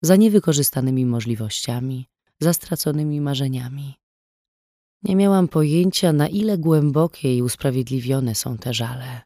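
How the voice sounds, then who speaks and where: A woman reading a first-person audiobook in a calm, even storytelling voice, quieter in grim passages. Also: extremely low pitch, moderate pace, no room sound, clean studio sound. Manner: calm, even storytelling, hushed on dark moments. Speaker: audiobook narrator.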